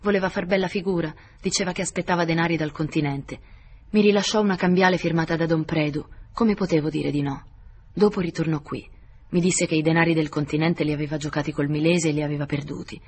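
A man's voice: on the high side, fairly even intonation, breathy edge. A man voicing a placid, sly old moneylender woman who talks without hurry, in a storybook reading. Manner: placid, unhurried.

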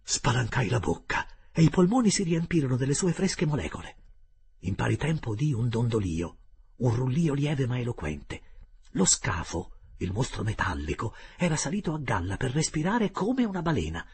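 A man reading a classic novel aloud in an expressive first-person storytelling style. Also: medium pitch, normal speed, slight background noise. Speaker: audiobook narrator.

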